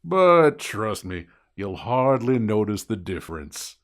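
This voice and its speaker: A man playing a slow-drawling, folksy Satan. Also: fairly low pitch, very animated, voice pushed down, full character voice. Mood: smug, matter-of-fact. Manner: slow, drawn-out, folksy delivery. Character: Satan, demanding, mocking, slow-drawling cigar-smoking daddy of demons.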